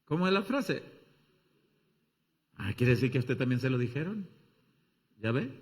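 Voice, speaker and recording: A man preaching a sermon as pastor, talking straight to the congregation and acting out little scenes with shouted voices. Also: mid-range voice, moderate pace. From Mexico. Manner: animated, acts out everyday scenes with shouted voices; addresses the congregation directly with questions.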